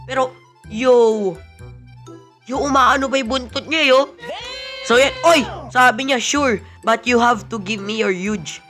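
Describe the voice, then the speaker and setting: A woman talks through a game in a fairly high voice, bouncing between Tagalog and English. Her commentary is hyped and excitable, full of quick exclamations. Faint game music plays underneath. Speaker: gaming channel host.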